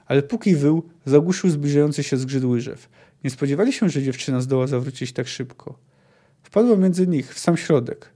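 A man's voice: on the high side, normal speed, dark tone. A man hosting a book podcast, reading a fantasy novel aloud expressively and adding casual comments. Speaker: podcast host.

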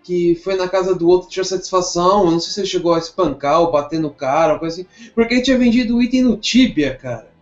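A man in a casual chat, talking fast in a high voice and stumbling as he recalls something. The recording is dull and lo-fi, with faint music behind.

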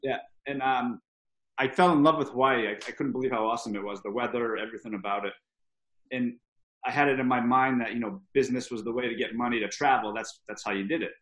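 A man in his thirties from Rhode Island, chatting casually as a guest and letting his stories wander in an easygoing way. His voice sits at a middling pitch. The room adds a noticeable echo. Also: quick pace. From Rhode Island, USA. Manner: relaxed, rambling storyteller. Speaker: podcast guest. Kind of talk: casual chat. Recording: roomy echoey sound.

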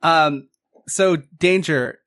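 A man casually narrating a tabletop game as game master, improvising in a halting way. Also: fairly high pitch, a bit bright, dry recording.

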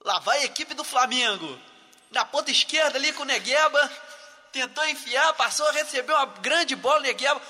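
A man giving explosive goal commentary as announcer, with shouted, drawn-out goal calls. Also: extremely high pitch, long reverb tail. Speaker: sports show host and announcer.

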